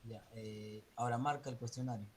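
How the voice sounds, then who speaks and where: Husky-voiced man teacher correcting reading. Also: mid-range voice, steady tone, fairly quick. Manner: corrects pupils' reading patiently, counts aloud. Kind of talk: online reading class feedback.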